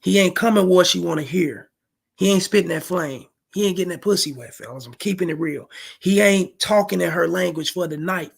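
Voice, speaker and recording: High-pitched and breathy, with vocal fry, this man reacts to a street clip as a commentator. He gives the fellas dating advice that's blunt and full of profanity.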